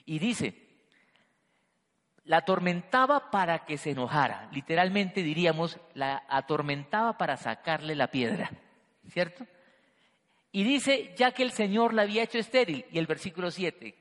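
A man preaching a sermon to a congregation, swinging between loud emphasis and quiet, hushed lines. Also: on the high side. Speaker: pastor. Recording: long hall reverb.

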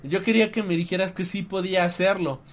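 A man voicing an earnest young male hero-to-be, pleading quickly. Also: sits high, close to an everyday voice.

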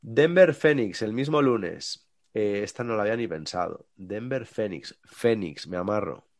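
A man with a Spain Spanish accent, co-hosting a casual sports podcast, lively and teasing, his voice rough today. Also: on the low side, a little slow, no room sound, studio quality. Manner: lively, teasing, rattles off predictions. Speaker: podcast co-host.

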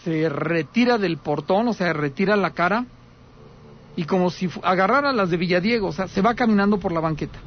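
A man with a noticeably high voice hosts a call-in radio show. He tells an eerie story as a drama, repeats the key points and talks straight to his listeners. The audio is dull and lo-fi, with a faint hiss of noise underneath. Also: fairly quick. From Aguascalientes, Mexico. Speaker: radio host taking calls. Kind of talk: telling a paranormal story on radio.

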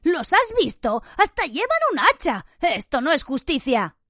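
A woman's voice: high-pitched, very animated, fairly quick, fairly bright tone, dry recording, clean studio sound, pitched above the performer's own voice. A woman voicing an indignant, hot-headed teenage schoolboy who blurts things out angrily. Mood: angry. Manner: angry, blurting.

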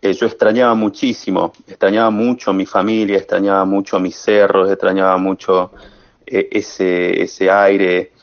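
A man, a guest musician answering interview questions slowly and hesitantly, with many fillers. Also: low-pitched, little pitch movement. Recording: muffled lo-fi audio.

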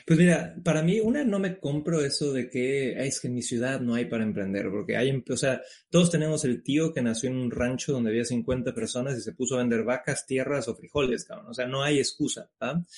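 A man in his thirties with a Mexican accent, a guest entrepreneur in a casual interview, talking in a relaxed, frank way and swearing now and then. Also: mid-range voice, a little fast.

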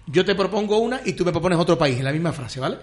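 High-voiced teasing radio host. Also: male voice, expressive. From Spain. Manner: teasing, jokey, quick to laugh. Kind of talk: playful radio chat, quiz game. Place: radio studio.

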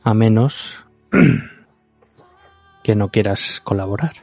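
A man's voice: on the low side, very slow, creaky, dry recording, faint music behind, heavily acted. A man playing a coolly menacing female rogue. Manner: calm, quietly threatening. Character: cool adult female rogue interrogator.

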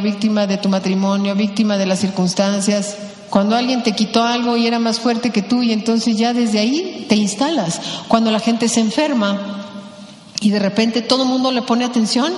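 Mexican woman speaker in an echoing hall. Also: on the high side. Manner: animated, acts out voices in quotes. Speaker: motivational speaker. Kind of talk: motivational talk to an audience. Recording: echoey hall with long reverb.

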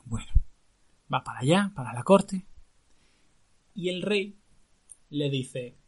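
A man telling a folk tale aloud to a listener in a lively, earthy, colloquial way. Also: fairly high pitch, slow, breathy edge. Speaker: storyteller.

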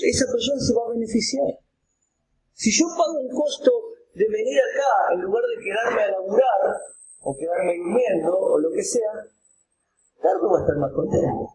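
A man with an Argentine accent preaching a sermon, acting out examples and breaking into shouts. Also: high-pitched. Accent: Argentine Spanish. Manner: animated, acts out examples with props, bursts into shouts. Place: church hall. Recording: roomy hall echo, faint ambient noise.

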